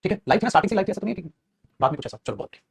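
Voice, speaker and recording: Fast-talking husky male grammar teacher. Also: sits high, very animated. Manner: fast, repetitive, calls students beta. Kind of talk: live online class lecture.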